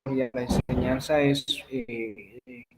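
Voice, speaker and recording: A man teaching an online class from home, his voice breaking up over a choppy internet connection, halting with hesitant fillers. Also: mid-range voice, sing-song, creaky, noisy background. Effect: choppy internet call audio breaking up. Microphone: home internet video call.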